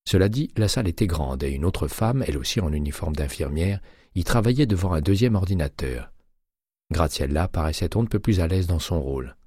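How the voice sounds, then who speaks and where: Deep husky male audiobook narrator. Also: no echo, studio quality. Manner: steady, measured reading. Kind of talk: scripted narration.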